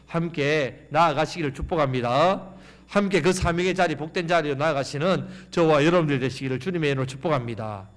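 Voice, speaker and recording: A man's voice: on the high side, a little fast. A male pastor preaching a Sunday sermon and leading the congregation in reading scripture aloud.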